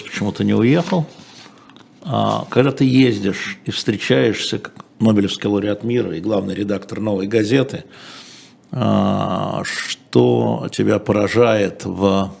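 A man hosts an interview, asking probing questions in a conversational tone. His voice is low and gravelly, with a husky edge.

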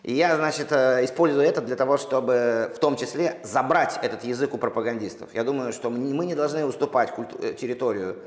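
Recorded in a room with a long, echoing reverb, a man from Russia who writes poetry responds to an interviewer. He takes his time and thinks carefully, so his mid-range voice keeps stopping, restarting and filling gaps with hesitation.

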